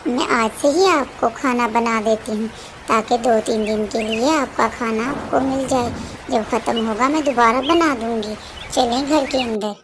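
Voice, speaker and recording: A woman voicing a kind sparrow mother in a cartoon, gentle and caring. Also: a little high, noisy background, close to an everyday voice.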